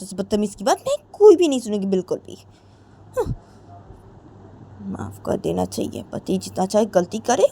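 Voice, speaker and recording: A woman voicing an angry, defiant young wife who fires back indignant questions in a shrill voice. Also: gravelly, darkish tone, husky, heavily acted. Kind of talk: amateur storytelling with acted voices.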